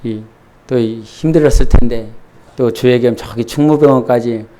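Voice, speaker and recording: A man's voice: mid-range voice, moderate pace, mellow. A middle-aged man, a pastor, preaching a sermon in church and telling a candid, self-deprecating story full of restarts.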